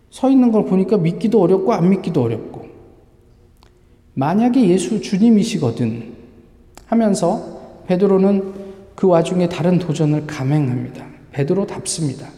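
A man's voice: high-pitched, mellow. Male pastor, Sunday sermon in a reverberant church hall, questions the congregation. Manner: asks the congregation rhetorical questions. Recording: echoey hall with long reverb.

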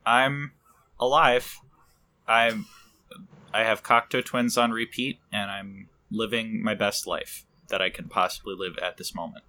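Bright, lowish-voiced man bantering on a podcast. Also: fairly even intonation, a little slow. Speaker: podcast co-host. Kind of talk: casual banter.

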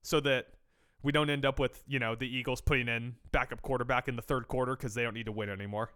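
A man co-hosting a sports podcast in casual chat, with wry asides and a quick rundown of the games. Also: mid-range voice, fairly even intonation, sharp tone, smooth. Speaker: podcast co-host.

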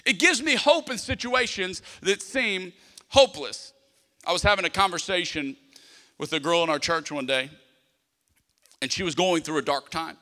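High, bright-voiced male preacher in a hall. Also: normal speed, long pauses. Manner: emphatic, with repeated phrases for the congregation to echo; conversational, acting out small dialogues. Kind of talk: sermon with humorous personal stories. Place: large hall, preaching to a congregation. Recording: long hall reverb.

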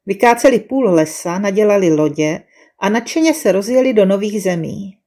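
A woman reading a storybook tale aloud with calm, measured narration. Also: medium pitch.

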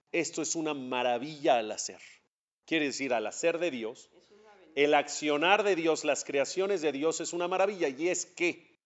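Teaching a religious class, this male rabbi has a voice that sits a little high for a man, with a slightly bright tone. He chats directly with his students, tossing out questions he then answers, all on a dull, lo-fi recording.

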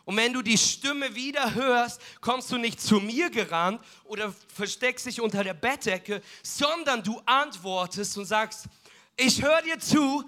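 An old high priest speaks with earnest, patient authority as he instructs a boy, as a preacher acts him out. The voice sits high and sounds bright and forceful, delivered in a plain sermon telling. It is an everyday voice, not a character voice. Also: lively intonation, a little slow, heavily acted. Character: old male high priest, kindly, advising.

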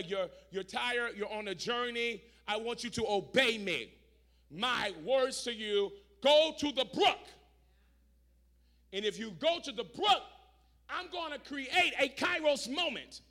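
A male pastor preaching to a congregation, swinging between shouted lines and low, joking asides full of repeats. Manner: shouts and drops to a low, conversational aside, repeats words, talks back to the crowd. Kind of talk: energetic sermon to a congregation.

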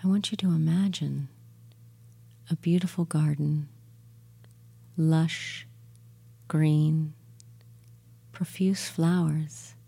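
A woman guiding a relaxation and hypnosis session in a soothing, gentle, soft murmur that is breathy and near a whisper at times, with long pauses. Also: deep voice. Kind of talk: guided meditation and hypnosis induction.

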